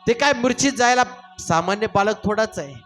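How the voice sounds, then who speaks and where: Male preacher, Marathi accent, fairly high voice, dramatic storyteller voicing characters, faint music underneath. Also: lively intonation, fairly quick, a bit bright. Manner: dramatic, acts out characters' cries and dialogue. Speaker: kirtan preacher telling Bhagavata story. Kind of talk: devotional storytelling sermon.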